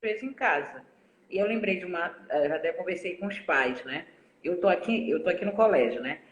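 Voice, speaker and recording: A school staff member hosting a live talk from the director's office, telling stories with many pauses and "né". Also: mid-range voice, expressive. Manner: halting, with many 'né' fillers. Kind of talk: anecdotal chat in a live talk. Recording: roomy echo of an office.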